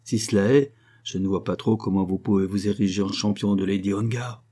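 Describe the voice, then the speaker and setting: Casting: male reader doing an arrogant baronet, low husky voice, cold and commanding. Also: steady tone, brisk, warm tone. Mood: imperious. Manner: cold, cutting, imperious questioning. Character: haughty, hostile baronet, middle-aged man.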